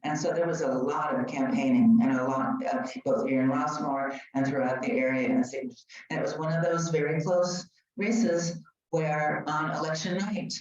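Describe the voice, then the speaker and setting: Low-voiced woman sharing updates at a community meeting, recorded from across an echoey room. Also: fairly even intonation, unhurried, darkish tone. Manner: chatty, informative, with many fillers. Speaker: community group member. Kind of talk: informal meeting remarks. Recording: roomy, distant, dull room mic.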